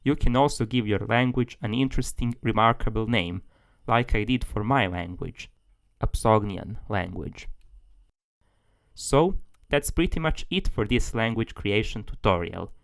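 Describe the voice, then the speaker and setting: A man's voice: on the low side, measured pace, gravelly, smooth, no echo. A man giving a tutorial as a language tutor, explaining things steadily, step by step.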